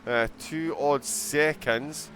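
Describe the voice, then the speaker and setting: A man's voice: fairly high pitch, slow, fairly bright tone, soft background music. A man commentating a live sim-racing broadcast, chatting and giggling as he reacts to viewers' chat between race calls.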